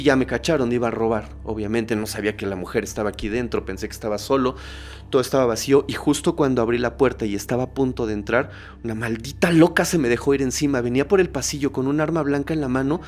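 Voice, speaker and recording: A man's voice: medium pitch, fast, natural voice. A desperate wounded burglar pleads and confesses in a frantic, begging voice, as a man acts him out. He sounds cornered and afraid, a figure inside a spoken horror story. Faint music plays behind. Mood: confessing.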